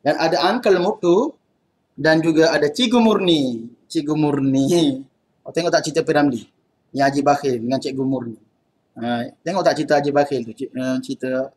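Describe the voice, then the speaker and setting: A man's voice: a little high, husky. A man with a Malaysian accent teaching an online Arabic class in a casual, chatty way, laughing often. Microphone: computer mic on video call.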